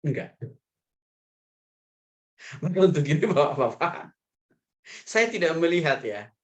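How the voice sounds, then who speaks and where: A male pastor giving a sermon in a lively, humorous way, chuckling often and addressing the men in the congregation directly. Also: on the high side, unhurried, lo-fi sound.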